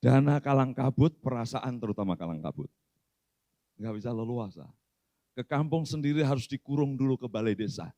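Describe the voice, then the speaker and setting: A middle-aged male pastor preaching a sermon in a church, swinging between loud outbursts and soft asides. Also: mid-range voice, expressive, fairly quick, dry recording.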